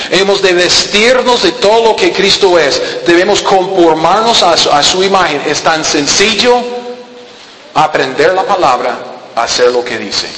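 A man's voice: high voice, a bit bright, echoey room, in a large hall, poor audio. A man with a Costa Rican accent preaching a sermon, emphatic and repetitive, with rhetorical questions. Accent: Costa Rican Spanish. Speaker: pastor.

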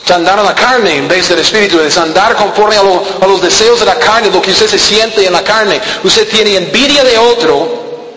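A man's voice: sits high, moderate pace, pushed and bright, roomy sound, long reverb tail, slight background noise, low-quality recording. A man with a Costa Rican accent preaching a sermon, emphatic and repetitive, with rhetorical questions. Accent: Costa Rican Spanish. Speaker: pastor.

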